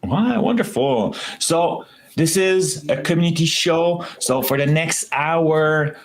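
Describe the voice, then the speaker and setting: A man's voice: on the high side, expressive, slow. A man hosting a casual community livestream, chatty and enthusiastic, with frequent restarts and fillers. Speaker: show host.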